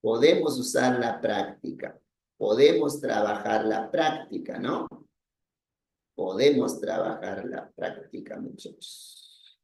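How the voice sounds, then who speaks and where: A male teacher explains a language lesson at an unhurried pace. His voice has a gravelly, creaky edge. He repeats himself and checks in with "¿no?", heard in an echoey room. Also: mid-range voice, a little mellow. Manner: explains patiently with many repetitions and "¿no?" checks.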